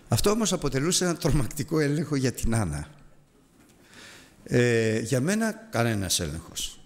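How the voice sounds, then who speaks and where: Animated storytelling male preacher. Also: mid-range voice, vocal fry, long reverb tail. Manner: animated storyteller, acts out voices and sound effects; earnest, confessional. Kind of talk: sermon told as a personal story.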